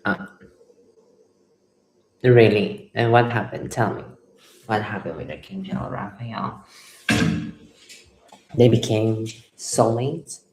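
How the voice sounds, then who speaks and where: With a rumbling low, darkish voice, an Ecuadorian woman speaks slowly and pauses often while reading tarot for live-stream viewers. She reads their comments aloud, reacts, and repeats phrases frequently; the echoey room adds a little hiss or hum.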